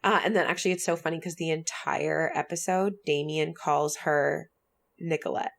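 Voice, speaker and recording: Woman, podcast host, casual storytelling, filler-heavy, vocal fry. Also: deep voice, moderate pace. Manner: chatty, filler-heavy, animated retelling.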